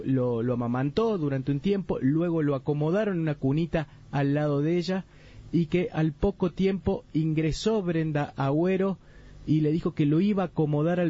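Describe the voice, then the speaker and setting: Man giving a detailed radio report. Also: fairly high pitch. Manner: steady, detailed recounting with frequent restarts. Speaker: court reporter. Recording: muffled radio audio.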